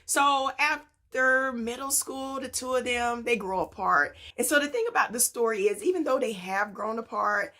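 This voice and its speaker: A book vlogger runs through a chatty, casual book haul at normal speed with hardly any pauses. Her fairly high voice sounds pushed and bright, and she tells stories and tosses rhetorical questions at her viewers.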